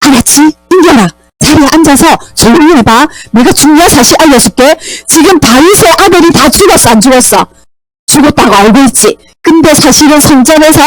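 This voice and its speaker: A woman voicing an old male high priest who gives hushed, urgent instructions. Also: rough recording.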